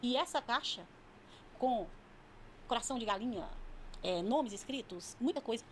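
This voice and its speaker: A woman's voice: on the high side, lively intonation, moderate pace, slight background noise. A woman telling her personal testimony in a vivid, emphatic way. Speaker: guest giving a testimony.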